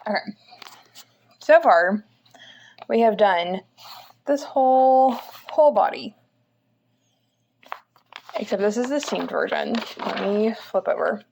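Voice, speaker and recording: Young woman, mid-pitched, casual and candid knitting-tutorial vlogger recording on a phone at home. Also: lively intonation, slow, gravelly, pauses often, darkish tone, slight background noise. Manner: chatty and candid, frequent ums. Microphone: phone on a stand.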